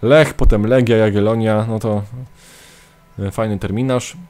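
A man commentating his own football video game like a sports announcer, calm between plays and shouting wildly at goals. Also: lowish voice, moderate pace. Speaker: gaming YouTuber. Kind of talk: let's-play commentary.

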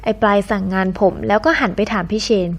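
A woman narrating a scripted audio novel in an even, storytelling way. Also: medium pitch, fast talker.

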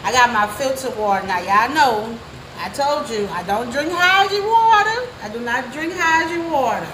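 A young woman talks straight to her viewers as she cooks, in a voice set a little high. Her phone at arm's length catches the echo of the kitchen and plenty of noise around her. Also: expressive, moderate pace, a bit bright. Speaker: vlogger cooking at home. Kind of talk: casual cooking vlog. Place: home kitchen. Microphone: phone held at arm's length. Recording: echoey kitchen, background noise.

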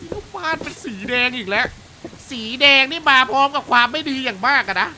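A man's voice: extremely high pitch, lively intonation, a little fast, background noise. A young man streaming a horror game, chatting to viewers, cursing and yelping when startled. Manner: jumpy, swears and shrieks at scares. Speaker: gaming streamer. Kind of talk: horror game let's-play commentary.

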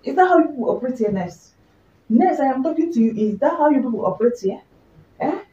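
A Nigerian woman playing a loud, fussy pregnant woman who scolds hospital staff in quick rants. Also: fairly high pitch, expressive, a little hiss or hum, lightly acted. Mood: indignant. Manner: scolding, indignant, fast rants. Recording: roomy, distant, dull home recording.

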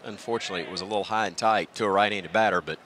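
A middle-aged radio play-by-play announcer, appearing as a guest in a stadium press booth at a baseball game, chats in a self-deprecating, reflective way. Through a broadcast headset, his fairly low, steady voice comes very fast, with outdoor ballpark crowd noise behind it.

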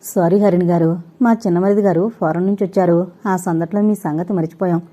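Narrator as an eager-to-please housewife, placating, dark warm voice. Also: female voice, on the low side, steady tone, fairly quick, lo-fi sound, natural voice.

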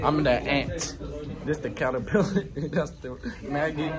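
A young man joking around with friends outdoors, talking loudly and playfully into a phone camera. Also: on the high side, a little slow, over a noisy crowd. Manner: loud, playful, laughing with friends.

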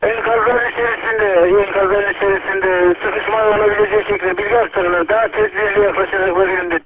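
A man's voice: sits high, steady tone, brisk, narrow, tinny audio. A man at headquarters giving urgent, formal reports over a police radio channel. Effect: police radio transmission. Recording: crackly radio with heavy static.

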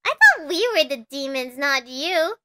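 A woman's voice: high-pitched, very animated, unhurried, heavy background noise. A woman voicing Ava, a bratty, taunting girlish demon in a Minecraft roleplay. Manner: taunting, pouty.

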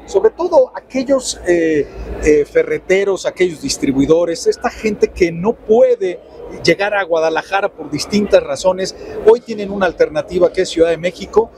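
Upbeat high-pitched Mexican man interviewing. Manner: upbeat, promotional, addresses the audience directly. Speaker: interviewer for a trade magazine. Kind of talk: trade show interview. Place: trade show booth indoors. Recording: noisy expo floor ambience.

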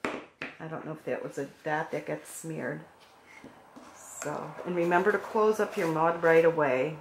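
A woman with a low, gravelly, hoarse and froggy voice calmly and gently explains each step of a painting craft as she works, at a measured pace. She's recorded at a work table in an echoey room with a faint hiss in the background.

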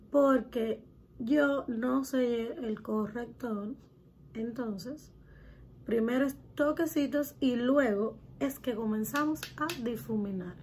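A woman's voice: on the high side, slight background noise. A young woman hosting a step-by-step makeup tutorial, talking in a chatty way to her viewers and using lots of diminutives. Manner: chatty, addresses viewers as girls, uses many diminutives.

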